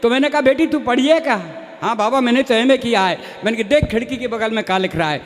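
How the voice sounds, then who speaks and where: Folksy man with a high voice, telling jokes on stage. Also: fast talker. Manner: folksy, plays many characters in dialogue. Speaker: stage comedy poet. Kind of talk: comic storytelling at a live poetry show. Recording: live stage with long hall reverb.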